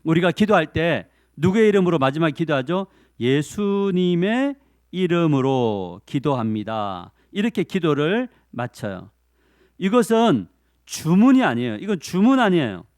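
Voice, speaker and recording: A lively male pastor preaches to a youth group, voicing the people in his story as he tells it. His voice swings high and low, a little high for a man. The sound is close and dry, with no room echo. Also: moderate pace. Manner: storytelling with quoted voices and call-and-repeat. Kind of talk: sermon to teenagers. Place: church.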